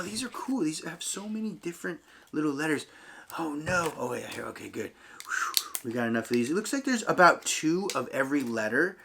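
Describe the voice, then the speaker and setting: A man's voice: mid-range voice, vocal fry, sharp tone, a little hiss or hum. A man hosting a casual family unboxing video, patiently explaining each step and talking straight to the viewers. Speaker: channel host and parent.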